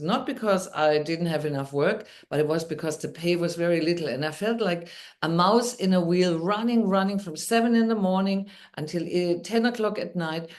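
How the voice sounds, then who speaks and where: A woman with a German accent, a guest on a podcast, telling her story in an upbeat way. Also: fairly low pitch. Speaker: guest, midwife and NLP trainer. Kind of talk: podcast interview.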